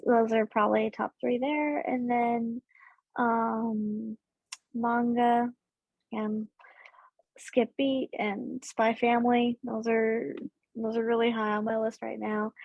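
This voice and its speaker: A woman's voice: fairly high pitch, vocal fry, darkish tone, breathy edge, dry recording. A woman guest chatting casually on a roundtable podcast, hesitant, with many ums and restarts. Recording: dull lo-fi audio.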